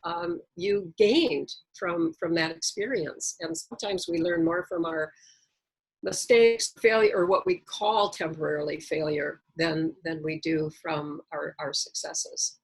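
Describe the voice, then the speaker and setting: A woman's voice: low-pitched, a little slow, gravelly, slightly rough, low-quality recording. A middle-aged woman giving a reflective motivational talk on a video call, with wordplay and humor. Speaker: speaker.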